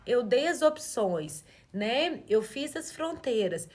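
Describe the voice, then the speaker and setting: A woman's voice: on the high side, big pitch swings, takes it slowly. Earnest Mineira woman coaching parents. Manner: earnest, coaching, asks the audience rhetorical questions. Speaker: parenting educator. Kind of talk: live-stream parenting talk.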